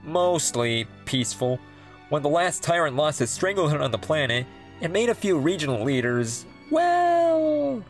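A man plays a hedgehog king from a cartoon dub. He talks casually with lively, varied pitch, an easygoing hero who reassures. Faint music sits behind him. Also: measured pace. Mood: relaxed, explaining. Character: easygoing hedgehog king, adult male hero, fond husband. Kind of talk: comic dub voice acting.

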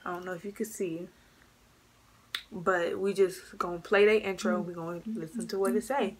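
A woman's voice: lowish voice, fairly even intonation, normal speed, husky. A young woman chatting casually as co-host of a YouTube channel, recorded in a bedroom on a camera mic. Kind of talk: casual chat. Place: small bedroom. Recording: noisy home webcam recording.

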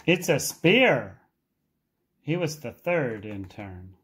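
An English teacher reads a storybook aloud to learners, phrasing it deliberately, expressively and with emphasis. The voice is mid-range and slightly rough.

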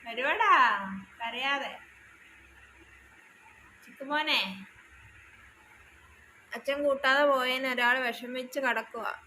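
A woman's voice: sits high, fairly even intonation, slow, pauses often, bright, forceful tone, a little hiss or hum. A woman from Kerala at home indoors, talking to her dog in a coaxing, soothing baby-talk way. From Kerala, India. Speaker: dog owner vlogger. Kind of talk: casual talk to a pet dog.

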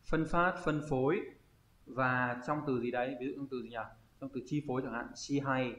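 A man's voice: medium pitch, fairly bright tone. Man teaching, roomy sound. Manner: thinks aloud, pauses to search for words. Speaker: Japanese teacher. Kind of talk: online kanji lesson. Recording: roomy, slightly dull audio.

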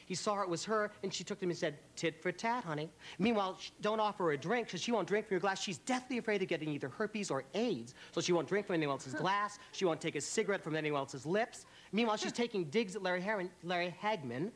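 A man's voice: high voice, lively intonation, fast, few pauses, a bit bright. A middle-aged man giving sassy, campy celebrity gossip as a talk-show guest.

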